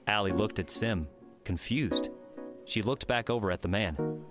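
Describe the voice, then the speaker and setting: Male narrator for an audiobook, steady delivery, lowish voice, music underneath. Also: measured pace. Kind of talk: scripted narration.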